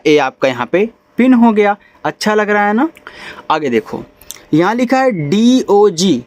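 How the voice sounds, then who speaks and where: High-voiced man teaching English spelling. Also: no echo. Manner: spells out letters slowly, then explains patiently; repeats rules, checks in with the learner. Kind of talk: beginner phonics lesson.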